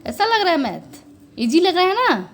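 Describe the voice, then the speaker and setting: Young woman maths tutor, high and animated, walks the kids through each step. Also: moderate pace, a little hiss or hum. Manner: coaxing, checks understanding with frequent "okay"; addresses viewers as children. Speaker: maths teacher. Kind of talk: step-by-step classroom explanation.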